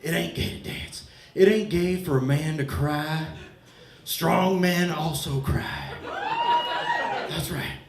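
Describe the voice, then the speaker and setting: A man doing a loud, rambling stand-up set in a bar, mock-earnest and bantering with the crowd, a little out of breath. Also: on the high side, slow, long pauses. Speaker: stand-up comedian. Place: bar stage with laughing crowd. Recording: echoey bar room, crowd laughter.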